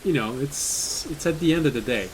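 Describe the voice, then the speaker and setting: A man's voice: a little high, animated, moderate pace, rough recording. A man narrating a tabletop game as game master, chatty, with fillers and laughs. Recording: faint hiss in the background.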